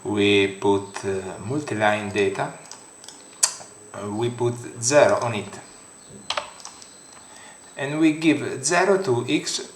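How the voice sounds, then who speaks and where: Italian guy doing a software tutorial, slow and halting, lots of uh's, echoey room. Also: medium pitch, slight background noise. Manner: halting non-native English with many fillers. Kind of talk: screen-recorded software tutorial. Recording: roomy echoey home room.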